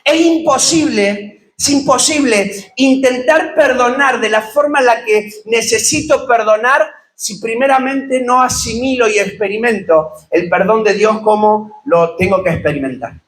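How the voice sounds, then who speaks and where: A male pastor with a Rioplatense Spanish accent, preaching a lively sermon and asking the congregation rhetorical questions. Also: very high-pitched, measured pace, few pauses, slight background noise. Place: church.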